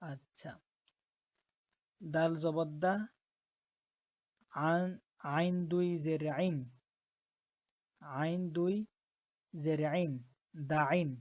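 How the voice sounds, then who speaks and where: A woman teaching Quran reading, who spells out letters slowly and often checks that her listeners are following. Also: low voice, fairly even intonation, darkish tone, dry recording, dull audio. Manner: slow, patient, checks in with "ঠিক আছে?".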